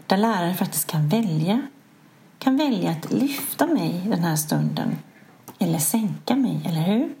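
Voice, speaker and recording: A middle-aged woman, host of a podcast, telling a personal story in a candid, self-mocking way with a soft, hushed delivery. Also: lowish voice, creaky, a little hiss or hum.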